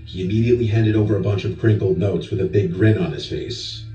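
A man reading a scripted horror story in a calm, even storytelling manner. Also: fairly low pitch, fast talker, muffled recording. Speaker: narrator of a horror story video. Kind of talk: scripted narration. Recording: echoey, distant playback with loud music. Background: background music from the played video.

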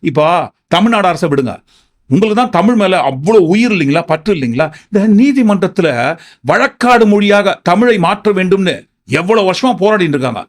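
A man's voice: high voice, expressive, brisk. A man giving political commentary, sarcastic and firing off rhetorical questions.

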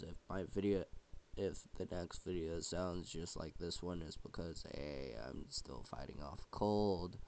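A young man with a low voice hosts his channel's casual holiday vlog while suffering from a cold. He coughs every so often and rambles, stopping and restarting as he goes.

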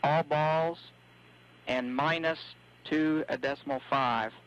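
A man's voice: fairly high pitch, slow pace. A man calling a spacecraft crew from ground control, reading out technical data steadily over a radio link. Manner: steady, methodical reading of numbers. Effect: radio transmission sound. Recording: dull lo-fi radio audio with faint hum.

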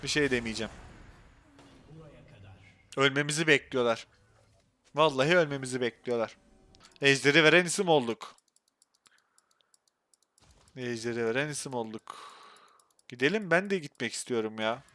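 A young Turkish-accented man narrates his own gameplay on a live stream, his medium-pitched voice excitable and swinging fast from mumbling to angry outbursts.

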